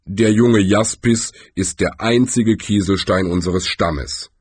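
A man voicing a huge, gloomy male troll who speaks slowly and deliberately. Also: breathy edge, no room sound. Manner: slow, deliberate and rumbling.

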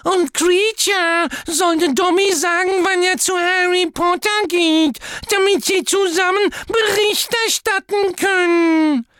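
Little house-elf, squeaky, very high, eager, loyal, slow emphatic speech. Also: male voice, fairly even intonation, bright, forceful tone, heavily acted. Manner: talks of himself by name, slow and emphatic.

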